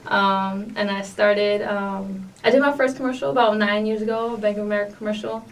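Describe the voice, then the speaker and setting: A woman's voice: medium pitch, steady tone, fairly quick. A young woman with a New York accent, a guest on a podcast, chatting upbeat with lots of fillers. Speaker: guest artist. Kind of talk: casual podcast interview. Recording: distant mic with faint noise.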